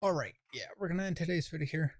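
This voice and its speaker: A man's voice: on the high side, fast, dry recording. A young man giving casual, rambling commentary over his own gameplay, talking to himself and exclaiming at setbacks. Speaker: gaming video creator.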